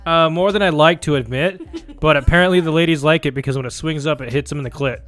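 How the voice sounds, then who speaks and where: A man co-hosts a casual podcast, trading crude jokes with a light, easy delivery. His voice runs slightly higher than most men's, and faint music plays behind him. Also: quick pace. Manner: crude, joking. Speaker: podcast co-host.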